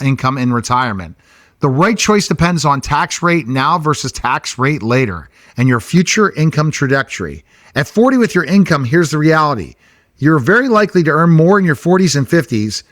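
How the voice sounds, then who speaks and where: A man co-hosting a podcast, reading text aloud in a steady, plain way. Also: fairly high pitch, no echo, clean studio sound. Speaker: podcast co-host. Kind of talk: reading aloud and casual chat.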